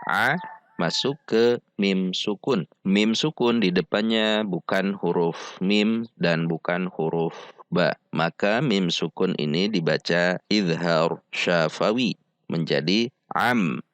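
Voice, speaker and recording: Slow, deep-voiced man teaching. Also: no echo. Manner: patient, repeats syllables slowly for practice. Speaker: Quran recitation teacher. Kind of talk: slow step-by-step pronunciation lesson.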